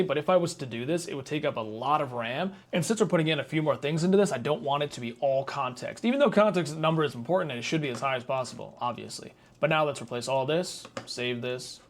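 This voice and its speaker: A young man talks his way through a software setup in a loose, casual tutorial. His speech is slangy and chatty, full of joking asides at his own expense, as he explains each step while he clicks along. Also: on the high side. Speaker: tech tutorial host. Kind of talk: casual screen-recorded tutorial.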